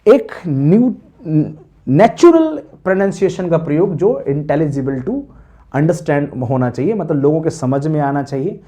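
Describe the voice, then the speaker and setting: A man's voice: on the high side, lively intonation, a little slow, mellow. A young man, lecturing as a teacher preparing students for a teaching exam, asking questions and answering them himself.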